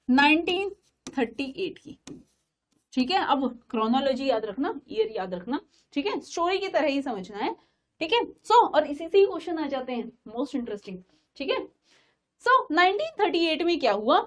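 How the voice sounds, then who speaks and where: A young woman teaching an online exam-prep class, telling history like a story with an Indian English accent, coaxing and checking in with her students. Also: high-pitched.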